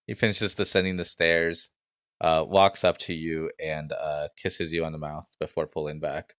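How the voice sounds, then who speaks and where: A man narrating a tabletop game as game master in a casual, hesitant way. His voice is very deep and his pace is slow and unhurried. The sound is dry and close. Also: flat delivery, fairly bright tone, clear, resonant tone, dry recording. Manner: casual and hesitant, with many fillers.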